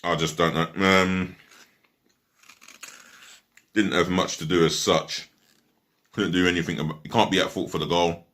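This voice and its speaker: A man's voice: low voice, fairly even intonation, unhurried, pauses often, fairly bright tone. A man giving a casual, rambling football match review, blunt and swearing freely, sometimes talking with his mouth full. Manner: talks while eating.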